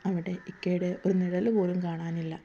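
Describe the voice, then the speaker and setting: A woman's voice: on the low side, level tone, normal speed, dark tone, a little hiss or hum. A woman narrating a story in an earnest, emotional way, in a dull lo-fi recording.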